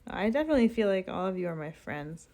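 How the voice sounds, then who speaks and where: A woman's voice: medium pitch, big pitch swings, quick pace, darkish tone. A young woman, chatting casually and giggling with her live-stream chat. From United States.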